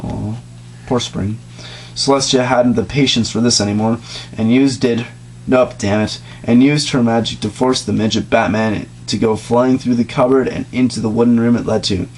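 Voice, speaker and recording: In a low-quality amateur recording with background noise, a man reads comedic fan fiction in an informal, mock-dramatic style. His mid-range voice keeps fairly even intonation at a moderate pace, broken by joking asides and occasional stumbles.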